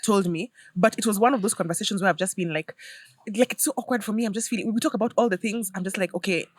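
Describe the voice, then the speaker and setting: A woman talks quickly as a podcast guest. She slips in and out of her children's voices as she tells family stories. The sound is dry and close, with no room echo. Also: mid-range voice. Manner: animated storyteller who acts out her kids' lines. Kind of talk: casual conversation.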